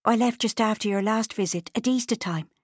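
Woman doing teenage farm girl, high, soft, eager, polite. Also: fairly quick, no echo, studio quality, natural voice. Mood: earnest. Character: anxious fourteen-year-old Irish farm girl.

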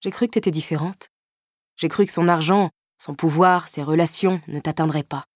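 A woman's voice: low voice, steady tone, normal speed, no room sound, studio quality. A woman voicing a bitter, jealous young boyfriend. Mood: resentful. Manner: cold and cutting, sneering.

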